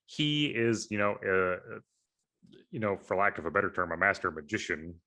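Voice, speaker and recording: A man's voice: low-pitched, expressive, normal speed, sharp tone. A man co-hosting a podcast in casual chat, analytical and rambling, with many fillers and restarts. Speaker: podcast co-host.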